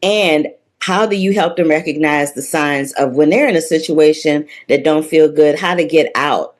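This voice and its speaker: A woman hosting a podcast, asking earnest, thoughtful interview questions at a measured pace. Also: low-pitched.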